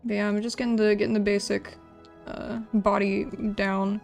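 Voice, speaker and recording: Soft music plays under this woman's livestream chat as she designs game characters and draws. Her mid-range voice is level and somewhat dark, with vocal fry and a moderate pace. She wanders through her thoughts aloud, repeating words often, while reading and responding to chat messages.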